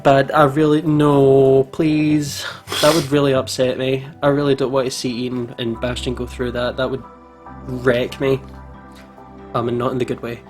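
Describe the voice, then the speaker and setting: A let's play host reads a visual novel aloud with music behind him, reacting expressively and with real emotional investment. His voice is medium-pitched at normal speed.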